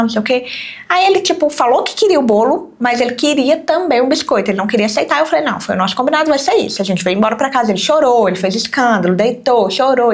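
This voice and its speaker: A woman and mother chatting casually, telling stories with lots of fillers. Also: a little high. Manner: chatty storytelling with many fillers. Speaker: podcast host, mother. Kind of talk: casual chat.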